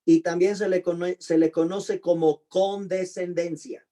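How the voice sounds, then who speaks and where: Man teaching slowly, spelling out terms. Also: sits high, flat delivery, warm tone. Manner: slow, deliberate spelling-out of terms; quizzing students with questions. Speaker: pastor and teacher. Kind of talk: online class lecture.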